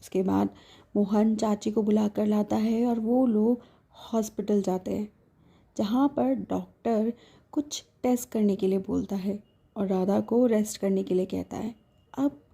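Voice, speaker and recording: A woman narrating a serialized romance story in a gentle, measured way. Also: medium pitch, vocal fry, husky.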